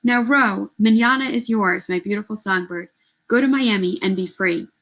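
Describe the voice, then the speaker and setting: A woman reading aloud, voicing an old grandfather who shouts a loving, resolute farewell over the waves. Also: mid-range voice, normal speed, poor audio. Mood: yelling farewell.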